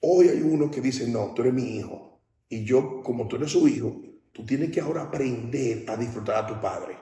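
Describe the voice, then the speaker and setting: A man from the Dominican Republic preaches at a baptism, talking to the congregation directly and often checking that they follow him. His voice is mellow and warm. He is recorded from some distance in a large, echoing hall. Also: mid-range voice, expressive, normal speed. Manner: conversational preaching, often asks "¿entiendes?". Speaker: pastor. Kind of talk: sermon. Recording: echoey hall, speaker off-mic.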